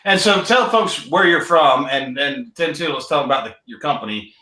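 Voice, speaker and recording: American dude hosting a podcast, rambly, lotsa ums, sounds far from the mic in an echoey room. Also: male voice, on the high side, moderate pace. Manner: relaxed, rambling, many ums. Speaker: podcast host. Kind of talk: casual podcast interview. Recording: roomy and off-mic.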